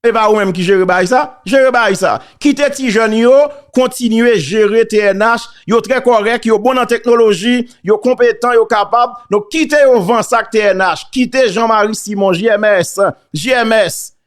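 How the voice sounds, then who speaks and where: A man's voice: very high voice, moderate pace, hardly any pauses. A man with a Haitian accent giving casual spoken commentary on church and politics, preachy and emphatic, repeating key phrases.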